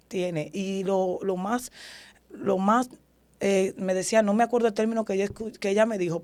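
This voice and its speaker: A woman in her thirties giving an emotional personal religious testimony, halting and repeating herself. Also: medium pitch, darkish tone, no echo. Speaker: testimony giver.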